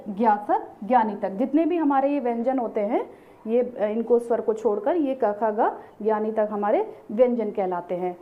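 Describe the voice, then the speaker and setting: High-voiced woman teaching, tinny sound. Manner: explains patiently, asks the class rhetorical questions. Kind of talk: online grammar lesson. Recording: tinny phone-like recording, faint hiss.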